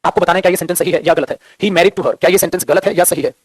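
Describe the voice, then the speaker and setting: Man, grammar teacher, class lecture, very fast talker, teasing and scolding, dry close sound. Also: sits high, husky, no echo. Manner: playful scolding, calls students "beta", jokes; teasing, repetitive drilling questions.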